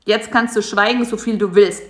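A woman's voice: medium pitch, steady tone, moderate pace, voice pushed up, lightly acted. A grumpy homebody spider, grumbling and snapping at his pesky guest, as a woman acts him out. The voice sits somewhat raised and firm. It sounds echoey, like a reading in a bare room. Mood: snappy. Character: grumpy lazy male spider, stay-at-home. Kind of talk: storybook voice acting.

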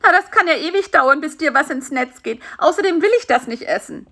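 Woman doing a little fly, squeaky, eager, bossy, bright, jumpy pitch, storybook. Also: brisk. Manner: high, excited and demanding. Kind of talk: children's audiobook voice acting.

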